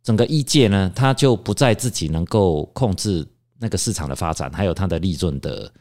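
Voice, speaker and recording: Man, lawyer, deep voice, animated pitch, measured explanatory talk. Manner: measured, explanatory, many drawn-out fillers. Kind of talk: discussion.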